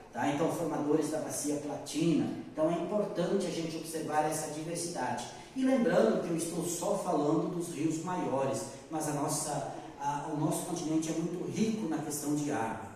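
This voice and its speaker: A man's voice: fairly high pitch, normal speed, darkish tone, a little hiss or hum. A Brazilian man teaching geography, explaining step by step and checking in with his students. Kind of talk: recorded geography lesson. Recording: echoey room, mic far off.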